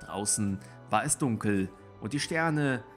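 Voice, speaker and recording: A man reading a novel aloud in a calm, steady storytelling manner. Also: on the low side, slow, faint music behind. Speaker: audiobook reader.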